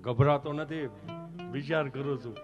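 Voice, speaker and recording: A man voicing a sly, slow-talking village friend in a comic folk story. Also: medium pitch, highs cut off, music in the background, voice pushed down, natural voice. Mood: deadpan.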